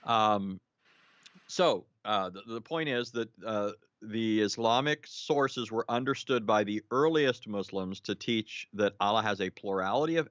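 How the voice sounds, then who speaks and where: Man, low voice, dry and a bit dull sound; explainer on a live show, restarts often, tags points with "right?". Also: fairly bright tone, dry recording. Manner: lecturing, frequent fillers and restarts, rhetorical "right?". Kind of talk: live online discussion, explaining.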